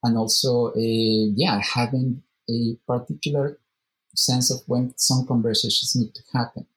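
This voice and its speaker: A man's voice: mid-range voice, fairly even intonation, measured pace, a bit bright, poor audio. Man musing as an interview guest. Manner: thoughtful, repeats words while searching for phrasing. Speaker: meetup organizer, interview guest. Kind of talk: casual interview conversation.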